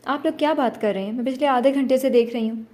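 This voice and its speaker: A woman voicing a playful, chirpy young wife in an audiobook romance, quick and teasing. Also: fairly high pitch, dark tone, close to an everyday voice.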